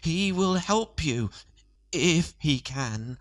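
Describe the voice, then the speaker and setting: A man voicing a kindly talking brick oven that speaks in a gentle, sing-song way. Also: fairly high pitch, lively intonation, extremely slow, no echo, clean studio sound, pitched above the performer's own voice. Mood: apologetic.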